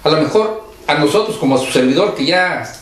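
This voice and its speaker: Man in his sixties, talk-show host, conversational, pauses to find words, echoey room. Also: on the high side, animated. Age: 60s. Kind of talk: radio-style talk show chat. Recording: very echoey room with faint noise.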